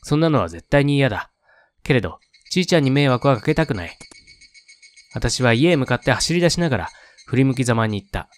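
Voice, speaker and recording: A man reading a horror game's story aloud in a calm voice, dropping in laid-back side comments. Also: medium pitch, brisk. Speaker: game reader and streamer.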